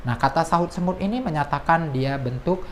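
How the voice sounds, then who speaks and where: A woman's voice: sits low, animated, a little fast, slight background noise. A woman teacher explaining a lesson in an explanatory way, sometimes reading quoted lines in a raised voice. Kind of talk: classroom lesson.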